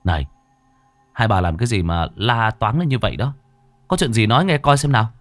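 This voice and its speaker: A man's voice: lowish voice, animated, fairly quick, dry recording, soft background music, lightly acted. A man doing a teasing skeptical young man. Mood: worried. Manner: teasing, mocking.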